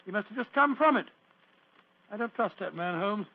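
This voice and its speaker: An actor playing a loyal, blustering, easily astonished gentleman doctor in an old-time radio drama. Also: high-pitched, animated, normal speed, slight background noise. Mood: incredulous. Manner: blustering, incredulous. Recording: dull, lo-fi old radio recording.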